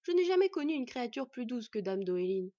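A woman voicing a proud old male dwarf blacksmith with booming, emphatic exclamations. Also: big pitch swings, a little fast, dark tone, no echo, highs cut off. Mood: solemn.

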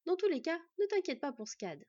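A woman's voice: very high voice, sing-song, a little fast, darkish tone, dull audio, pitched above the performer's own voice. A woman voicing a young half-elf man in a read-aloud story, teasing and trying to sound confident and soothing. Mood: reassuring.

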